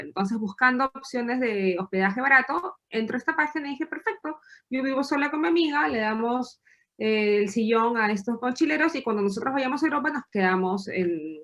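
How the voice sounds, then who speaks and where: A woman from Peru in her thirties, a podcast guest telling her story in a lively, chatty way with occasional laughs. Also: on the high side, dull audio. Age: 30s. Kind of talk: casual interview storytelling.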